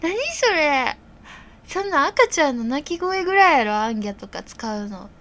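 A high-pitched woman with a Kansai accent who streams games and reads quiz questions aloud in a casual, excitable way. She mutters her guesses and then shouts out her answers. Keyboard clicks come through clearly in the background of her desk mic. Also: normal speed, a little hiss or hum. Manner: excitable, thinks aloud, bursts into loud reactions. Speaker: game streamer. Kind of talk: casual live quiz commentary.

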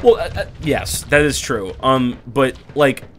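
Rambling, excitable young man. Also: mid-range voice, unhurried, slight background noise. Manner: rambling, excitable, swears a lot, many fillers. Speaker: podcast co-host. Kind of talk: casual chat.

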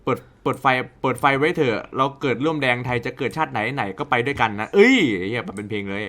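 This young YouTuber speaks fast at a medium pitch, with a slightly bright tone. Playing a horror game, he keeps up loose, profanity-heavy commentary, shrieking and laughing whenever something scares him.

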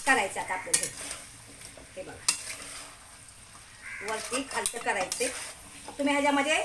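A woman with a Marathi accent hosting a home cooking video, chatting casually and checking in with viewers as she cooks. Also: high voice. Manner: chatty, keeps asking "okay?" and telling viewers to look. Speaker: home cooking channel host. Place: home kitchen. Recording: echoey kitchen with cooking noise. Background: sizzling pan and clattering pots.

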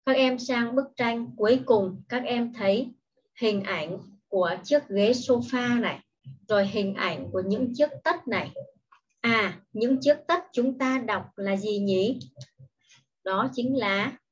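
A woman gives a children's English lesson at a very unhurried pace, her voice a little husky and fairly high. She explains every word first and then says the English word carefully, often twice. The recording is dull and lo-fi. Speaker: primary school English teacher. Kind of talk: slow, patient online lesson for young children.

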